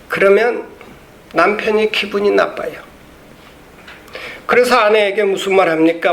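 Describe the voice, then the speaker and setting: A man's voice: high voice, a bit bright. A male pastor preaching an emphatic sermon and leading the congregation in reading aloud, in a church. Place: church sanctuary. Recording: echoey church room, faint background noise.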